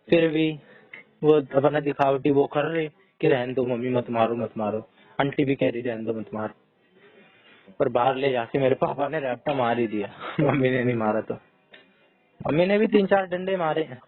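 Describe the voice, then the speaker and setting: A man's voice: on the high side, moderate pace. Frustrated rambling man, tinny sound. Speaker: podcast co-host. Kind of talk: casual chat. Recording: tinny phone-like sound with faint music.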